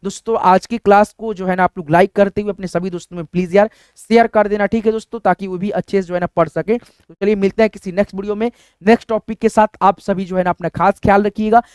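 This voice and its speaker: A man's voice: sits high, fairly even intonation, quick pace, darkish tone, smooth, no echo, clean studio sound. A male teacher giving a step-by-step phonics lesson, asking questions and answering them himself and checking in with his students often. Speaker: English teacher.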